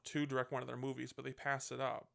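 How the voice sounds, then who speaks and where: Podcast host, male, gravelly edge, loose rambling recap style with casual swearing. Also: mid-range voice, completely flat delivery, quick pace, a bit bright. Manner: rambling, swears freely, self-correcting. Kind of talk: casual movie review chat.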